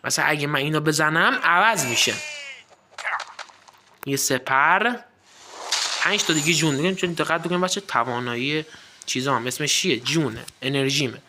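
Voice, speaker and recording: A man's voice: a little high, pauses often, background noise. A man chatting to viewers while playing a mobile card game, explaining moves and sometimes breaking into mock sports commentary. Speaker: gaming video creator. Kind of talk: casual gameplay commentary.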